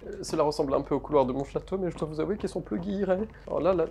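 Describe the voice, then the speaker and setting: A man's voice: a little high, very fast, gravelly, warm tone, slight background noise. A man playing a horror game in let's play commentary, talking in a pompous mock-aristocratic manner with old-fashioned wording and jokey asides to viewers. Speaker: gaming YouTuber.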